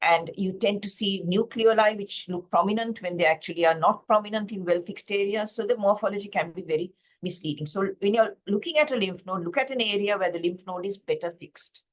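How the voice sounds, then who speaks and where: A woman's voice: medium pitch, a little fast, few pauses. Woman, from Sri Lanka, pathology lecturer, slide lecture, fillers and restarts, video call. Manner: explanatory, frequent fillers and self-corrections. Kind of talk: slide-based teaching lecture.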